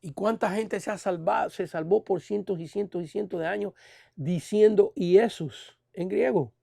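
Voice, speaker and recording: A male pastor teaching a Bible seminar, asking rhetorical questions and swinging between loud and soft. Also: high voice, normal speed, creaky, no echo, clean studio sound. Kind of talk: sermon.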